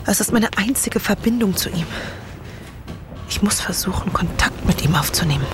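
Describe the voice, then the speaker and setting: A woman's voice: mid-range voice, expressive, moderate pace, noisy background, lightly acted. An actress playing an anxious, defiant young woman in a resistance group in an audio drama, with an urgent, emotional delivery. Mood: distressed. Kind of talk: German audio drama acting. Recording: music behind the voice.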